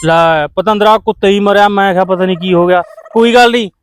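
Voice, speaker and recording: A man with a Punjabi accent acting in a comic village sketch, brisk, impatient and coaxing. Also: sits high, clear, resonant tone. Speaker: comedy sketch actor.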